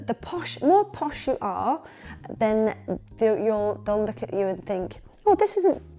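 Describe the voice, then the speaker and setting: Chatty London woman with a mellow voice. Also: a little high. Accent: London English. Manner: chatty and candid, full of practical asides. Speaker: children's party entertainer. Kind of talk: casual advice vlog.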